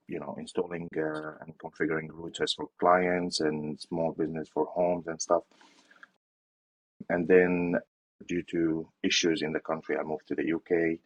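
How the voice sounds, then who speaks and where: A man's voice: extremely low pitch, rough recording. A young man from Syria answering interview questions in a hesitant way, with fillers and restarts. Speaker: interview guest.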